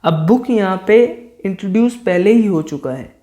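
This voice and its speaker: A teacher giving an exam-prep English grammar lesson in Hindi, slowing down to read out English word pairs and example sentences, recorded as a close-mic voice-over. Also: mid-range voice, expressive, mellow.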